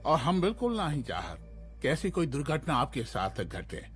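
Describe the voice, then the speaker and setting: A man's voice: mid-range voice, sing-song, moderate pace, faint music behind, lightly acted. An actor playing a smug, menacing male chief minister villain in a Hindi film dub, speaking with a mocking, condescending rustic drawl. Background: film score.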